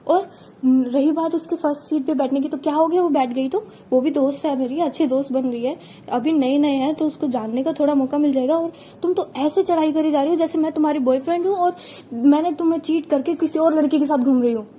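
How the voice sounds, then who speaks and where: A woman storyteller voicing a teasing young woman who defends herself in a quick, flustered rush. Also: sits high, fairly even intonation, mellow, slight background noise, close to an everyday voice. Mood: defensive.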